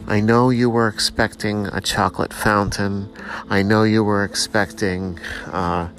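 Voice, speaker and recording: Slow, low-voiced man rambling. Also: flat delivery, a bit bright, faint music behind. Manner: rambling, self-mocking, preachy. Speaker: podcast host. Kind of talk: rambling solo monologue.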